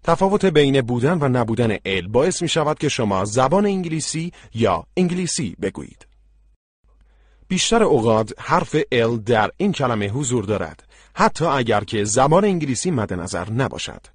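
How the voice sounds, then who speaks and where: A male language-course instructor giving scripted explanations at a slow, deliberate pace. His middle-pitched voice rises and falls with lively intonation and is slightly husky. It is recorded dry on a studio microphone. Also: no room sound.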